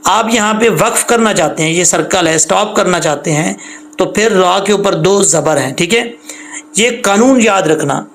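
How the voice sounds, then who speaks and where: A man teaching Quran recitation, spelling out letters and vowel marks and stretching each sound out slowly between plain explanations. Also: sits high, fairly bright tone. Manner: slow, drawn-out letter-by-letter recitation alternating with quicker explanation. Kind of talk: tajweed lesson, explaining and demonstrating recitation.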